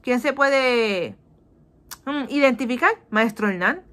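On the high side and slow-paced, a Puerto Rican woman in her thirties speaks with a Puerto Rican Spanish accent while teaching kids a Bible lesson by webcam on a video call. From a small indoor room, she voices the characters with animation, drops in English, and repeatedly asks "¿ok?"

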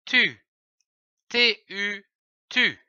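A man teaching children to read, spelling out letters and syllables slowly and stressing each sound, on a dull, lo-fi recording. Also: high voice, sharp tone, smooth, dry recording. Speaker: reading teacher. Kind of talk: slow, carefully enunciated reading lesson.

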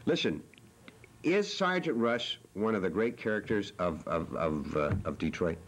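Low-voiced guy hosting a cable show, super lively, rambly jokey studio banter. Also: measured pace. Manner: playful, teasing. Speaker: talk show host. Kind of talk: joking, rambling TV talk.

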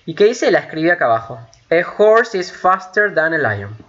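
Man, English teacher, bright and slightly high voice, patient and repetitive, dull lo-fi recording with faint hiss. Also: sing-song. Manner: patient, repetitive, checks understanding with frequent "ok?"; switches between Spanish and slow, carefully spoken English. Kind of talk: recorded online lesson explaining grammar.

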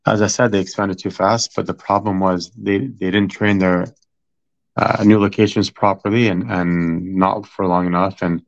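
A middle-aged man talking casually as an interview guest about his family's restaurant, rambling with many fillers and restarts. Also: on the low side. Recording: dull lo-fi sound.

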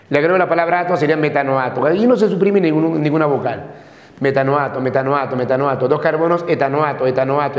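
A man with a somewhat raised voice teaches a chemistry lesson in a classroom that rings with long reverb. He speaks to the students the whole time, repeating each term and checking with short questions that they follow. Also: a little high. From Peru. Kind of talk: classroom lecture.

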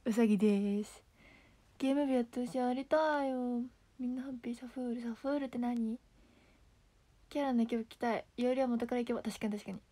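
A woman's voice: a little high, steady tone, brisk, warm tone. A young woman idol chatting casually on a livestream, giggling often as she reacts to comments. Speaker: idol streamer.

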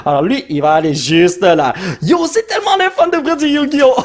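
A man, giving excitable, casual commentary while opening trading cards, reading out card names and dropping English exclamations. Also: extremely high pitch, normal speed.

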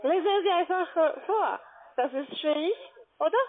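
A call center agent whose first language isn't German speaks German with a foreign accent, giving phone sales instructions insistently and repetitively. Her voice is extremely high-pitched and her pace moderate, heard over a muffled, narrow-band phone line.

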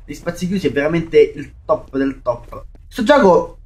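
A man's voice: on the high side, lively intonation, unhurried, a little mellow. A young man, commentating a shooter game, swearing and talking to his viewers. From Italy. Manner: swearing, jumpy, talks to viewers as "raga". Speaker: gaming YouTuber. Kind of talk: let's play commentary. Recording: faint game noise and gunfire behind.

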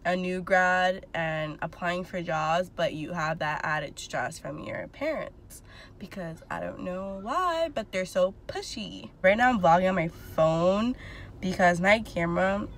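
A woman's voice: fairly low pitch, unhurried, slight background noise. A woman in her twenties talking casually into her phone while sitting in her car, rambling candidly with lots of fillers. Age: 20s. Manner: chatty, filler-heavy, candid. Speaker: vlogger. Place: inside a car, parked. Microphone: phone at arm's length.

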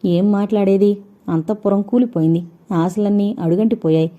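A woman's voice: medium pitch, fairly even intonation, moderate pace, mellow, natural voice. A woman voicing a grief-stricken, poor young widow who speaks heavily and sorrowfully, in an audio novel. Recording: dull lo-fi recording.

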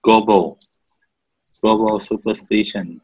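A man's voice: on the low side, fairly even intonation, slow, a little mellow, slightly rough, no echo, muffled recording. A man with a Thai accent chatting casually as a podcast co-host. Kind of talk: casual chat.

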